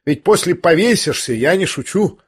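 A man's voice: a little high, lively intonation, normal speed, breathy edge, voice pushed up. A man voicing an imperious, reckless young woman. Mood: commanding. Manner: imperious, defiant.

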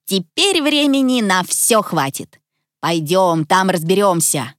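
Woman doing a calm, wise magical clock. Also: slow pace, no room sound, clean studio sound. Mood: reassuring. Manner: lower, steady, reassuring.

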